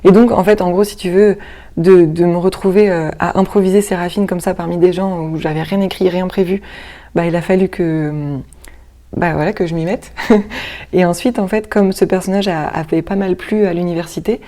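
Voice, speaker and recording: A woman with a lowish, mellow voice answers in a relaxed interview. She hesitates often, circling back and restarting her sentences as she searches for her words, then gets lively when she tells a story. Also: moderate pace. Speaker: actress and stage director, interview guest. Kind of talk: casual conversational interview.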